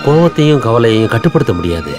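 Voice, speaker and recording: A middle-aged actor playing a gentle father who reassures his daughter in a film drama. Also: mid-range voice, fast, over music, close to an everyday voice. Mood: reassuring. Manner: calm, reassuring. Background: film score.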